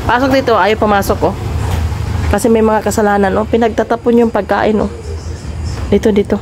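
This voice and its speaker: A woman filming her dogs at home, scolding them and calling them over in a chiding, coaxing voice, then talking more quietly to viewers. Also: medium pitch, steady tone, fairly quick, background noise. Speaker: dog owner filming her pets. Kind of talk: casual vlog narration.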